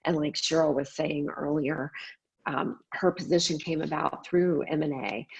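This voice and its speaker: A woman panelist speaking in an earnest, steady way, with a gravelly, husky voice. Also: low-pitched, normal speed, dry recording, lo-fi sound. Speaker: panelist, business leader. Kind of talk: panel discussion.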